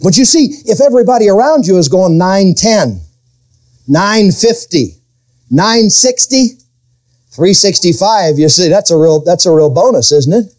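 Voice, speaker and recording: A man's voice: expressive, unhurried, a little mellow. A middle-aged male pastor preaching a sermon, swinging his voice up and down and drawing out key words. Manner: preaching with sudden pitch swings and quoted voices.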